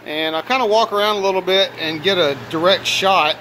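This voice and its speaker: Male auto detailer, high-pitched, casual walkaround narration, voice raised over steady fan noise in a garage workshop. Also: a little fast. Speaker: auto detailer presenting own work. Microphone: handheld phone camera, operator behind it. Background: running fan.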